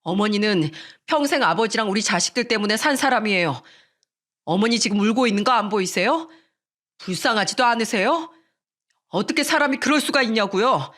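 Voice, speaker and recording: An earnest eldest son, as a woman narrator puts him on, pleading and reproaching his father. Plain middle pitch, told storybook style. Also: expressive, fairly quick, fairly bright tone.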